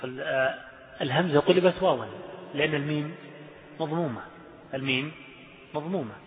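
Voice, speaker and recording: Man, slightly high voice, lesson on recitation, chants verses, tinny echoey hall sound. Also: brisk. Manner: repeats examples, chants verses, asks students questions. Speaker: sheikh teaching Quranic recitation. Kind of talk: classroom lesson explaining Quranic recitation rules.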